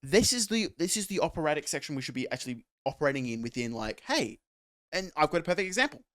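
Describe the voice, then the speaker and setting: A man from Australia co-hosting a casual podcast, rambling with restarts and slipping into animated quoted voices. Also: fairly high pitch, fast, dry recording, clean studio sound. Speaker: podcast co-host.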